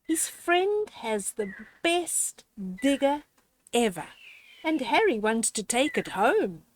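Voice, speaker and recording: An older woman reads a children's story aloud, expressive and gently instructive, speaking directly to the child with deliberate pauses. Her voice is high, and there's no room sound.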